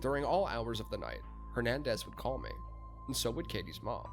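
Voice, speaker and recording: Male podcast host, first-person story narration, soft music underneath. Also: medium pitch, very animated, brisk. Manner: laughs and swears freely in chat.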